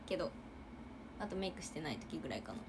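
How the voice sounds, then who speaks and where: Chatty young woman with lively pitch. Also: quick pace, noisy background. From Japan. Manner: chatty, giggly, acts out loud quotes. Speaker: idol livestreamer. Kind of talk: casual livestream chat with viewers.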